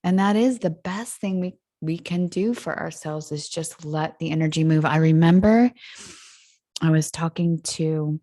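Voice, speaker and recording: Low-voiced woman talking candidly. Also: measured pace, mellow, no room sound, studio quality. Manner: candid, reflective, laughs easily. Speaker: guest. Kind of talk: casual podcast conversation.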